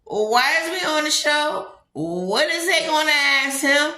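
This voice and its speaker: Animated, profane gossiping woman. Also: sits high, takes it slowly. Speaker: gossip vlogger recapping reality TV. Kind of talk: casual gossip recap. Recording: echoey room.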